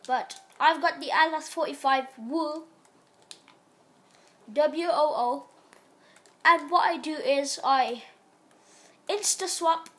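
This high-pitched woman runs a gaming channel and offers loose, rambling commentary on gameplay despite being ill. She sounds nasal and breaks off to cough, filmed on a phone aimed at a TV in a darkened room.

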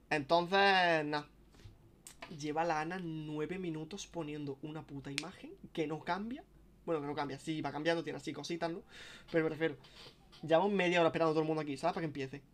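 A young man streams and chats on and on. His voice sits somewhat high for a man, and his sentences restart often and carry casual swearing. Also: fairly quick. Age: young adult. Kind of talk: casual live-stream chat.

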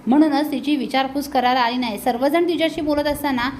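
Lady reading out a mad young husband telling someone off, sharp and scolding, high voice. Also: steady tone, fast, slight background noise, close to an everyday voice. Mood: angry. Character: angry young husband scolding his sister-in-law.

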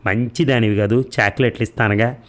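A man's voice: fairly low pitch, fairly even intonation, brisk, lightly acted. A man voicing an earnest, flustered young husband who pleads and coaxes in a storybook. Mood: coaxing.

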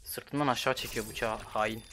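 Chatty Turkish young gamer. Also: male voice, medium pitch, fairly even intonation, unhurried, background noise. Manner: chatty, slangy, reacts loudly to the game. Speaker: gaming channel host. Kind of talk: casual gameplay commentary.

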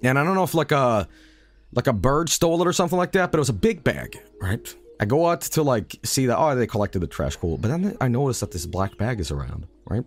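A young man streaming a game, rambling profanely and breaking into sudden loud outbursts. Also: mid-range voice, expressive, fairly quick. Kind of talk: casual live-stream commentary.

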